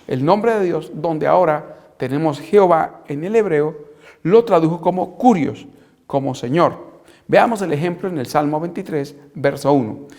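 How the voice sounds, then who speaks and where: A man with a slightly high voice teaches a recorded Bible lesson. He reads scripture aloud in a measured way and slows down deliberately to spell out key words. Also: darkish tone. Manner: deliberate, spells out terms slowly. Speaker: Bible instructor. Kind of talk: recorded apologetics lecture.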